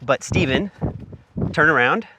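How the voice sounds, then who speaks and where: A man's voice: a little high, animated, measured pace, background noise. A man from Canada hosting a filmmaking tutorial, upbeat and jokey, asking his guest questions on a lavalier mic. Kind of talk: casual instructional chat. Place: outdoors in cold wind, then indoors. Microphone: lavalier hidden in shirt.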